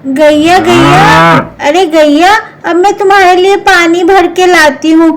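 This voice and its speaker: A woman voicing a kind-hearted young woman in a children's doll story, speaking softly and fretfully. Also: very high voice, fairly even intonation, slow pace, background noise. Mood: tender. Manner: soft, fretful, tender.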